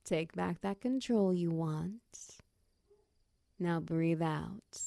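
A woman in a close-mic comfort roleplay, speaking softly and soothingly to a partner, slipping into whispers and guiding slow breathing counts. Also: lowish voice, vocal fry, no room sound. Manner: soft, soothing, slips into whispers.

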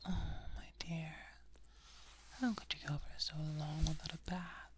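A woman in a whispered ASMR roleplay, talking in a soft breathy whisper, slow, soothing and attentive, close to the microphone. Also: sits low, a little hiss or hum. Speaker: ASMR performer. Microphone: close sensitive microphone.

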